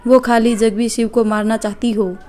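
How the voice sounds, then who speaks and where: A woman in scripted narration, telling a family story in an even, steady way. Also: on the high side, moderate pace.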